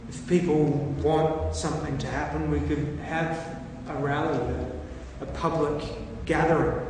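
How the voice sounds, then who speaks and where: A man from New Zealand, a participant in a casual brainstorming discussion, speaks slowly and haltingly, thinking aloud with lots of ums. His voice sits on the high side and his delivery is flat. He is recorded from a distance in an echoey room with long reverb and faint noise.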